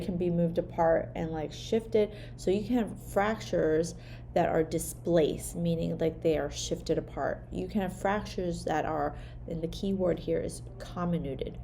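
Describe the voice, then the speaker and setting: A hand therapist whose first language is Vietnamese gives a casual teaching talk in a lowish, dark-toned voice. She keeps it conversational, dropping "like" and "right?" often, and there is slight background noise.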